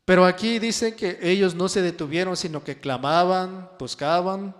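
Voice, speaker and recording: A man preaching a sermon and reading scripture, drawing his phrases out with emphasis and sudden soft drops. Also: high-pitched, normal speed. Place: church hall. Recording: long church-hall reverb.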